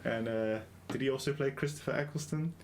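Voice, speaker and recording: A man's voice: medium pitch, quick pace, a little mellow, a little hiss or hum. Jokey man from London hosting a podcast. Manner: jokey, often laughing, loose and rambling. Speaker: podcast host. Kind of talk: casual film review chat.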